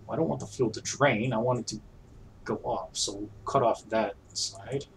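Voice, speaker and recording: Guy chatting through a puzzle game, kinda unsure, thinking out loud, faint hiss behind. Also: on the low side, normal speed, vocal fry. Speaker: streamer playing a game. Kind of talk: casual let's-play commentary.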